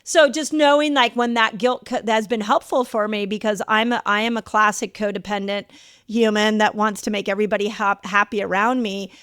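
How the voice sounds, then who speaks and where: A woman's voice: mid-range voice, fairly even intonation, a little fast, fairly bright tone, smooth, no room sound, studio quality. A middle-aged woman hosting a podcast interview, affirming her guest and thinking aloud with restarts. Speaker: podcast host. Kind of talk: conversational interview.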